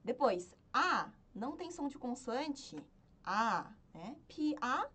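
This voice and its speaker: Female language teacher, animated and high-pitched, chants syllable drills patiently. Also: takes it slowly. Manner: patient, repeats and checks with "certo?". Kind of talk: spoken lesson, chanting syllables.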